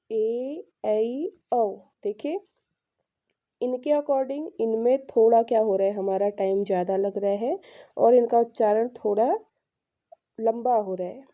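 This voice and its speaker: A woman's voice: on the high side, warm tone, highs cut off. A woman teaching an exam-prep lesson, explaining patiently and answering her own questions.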